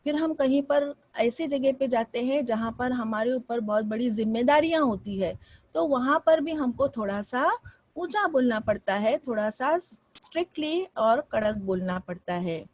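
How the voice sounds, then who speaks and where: A woman teaching a class, from Mumbai, speaking with lively rises and falls and often asking her students questions. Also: fairly high pitch, moderate pace, no echo. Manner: expressive, rising and falling delivery with frequent questions to students. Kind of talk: classroom lesson.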